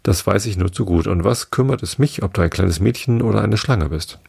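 A man with a low, husky voice voicing an anxious, scornful female pigeon in a storybook reading, with accusing, complaining talk. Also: brisk, a little mellow, full character voice. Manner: shrill accusing, sobbing complaints.

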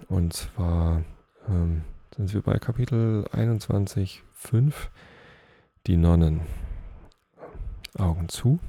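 A man with a low, gravelly, very dark voice reads a bedtime story slowly and calmly. His tone is a little husky. The recording is dry and close. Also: dry recording. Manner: slow, calm reading with occasional slips. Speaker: podcast host and story reader.

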